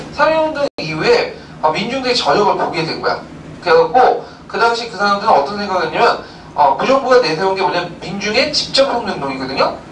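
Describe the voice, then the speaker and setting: Man lecturing history, high animated voice, asks and answers own questions, roomy distant sound. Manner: explains with rhetorical questions, many filler "uh"s. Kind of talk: recorded lecture. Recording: roomy, distant mic, faint background noise.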